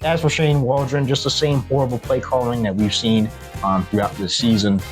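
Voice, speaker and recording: A man's voice: medium pitch, fairly even intonation, normal speed, faint music behind. A man hosting a solo sports recap, giving blunt, critical commentary. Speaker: sports video host.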